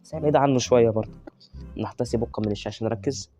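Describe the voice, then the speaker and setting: Fast-talking Egyptian gamer. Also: male voice, medium pitch, faint music behind. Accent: Egyptian Arabic. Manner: excitable, chatty, cheers on players by nickname. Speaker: gaming YouTuber. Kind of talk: live gameplay commentary.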